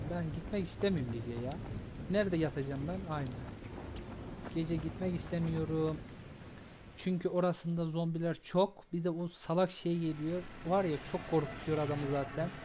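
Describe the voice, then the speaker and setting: A young man casually commenting on his own gameplay, talking slowly and breaking into loud shouts when fights start. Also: on the high side, fairly even intonation, background noise. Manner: slow, drawn-out talk breaking into loud shouts during fights. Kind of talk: casual let's-play commentary.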